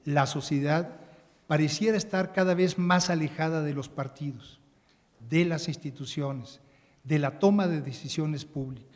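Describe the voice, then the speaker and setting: A man giving a measured, formal prepared speech as a panelist, with occasional restarts. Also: on the high side, darkish tone. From Mexico. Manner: measured, reading a prepared text, some restarts. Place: large conference hall. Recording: conference hall with long reverb.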